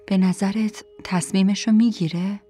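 Uneasy old grandpa mumbling low under his breath, woman reading him in an audiobook. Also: steady tone, warm tone, slightly rough, faint music behind, close to an everyday voice. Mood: uneasy hushed. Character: worried elderly grandfather, hesitant and uneasy.

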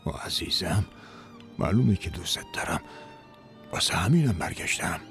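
A man voicing an aging, remorseful lover who speaks in a low, hushed, earnest way. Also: big pitch swings, gravelly, faint music behind, heavily acted. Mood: remorseful, tender.

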